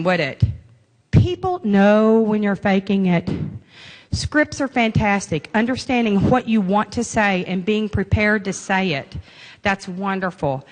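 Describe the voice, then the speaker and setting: A woman sales trainer giving a live conference talk, chatty and lively, laughing often and playing to the audience. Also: medium pitch, big-room sound. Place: conference room.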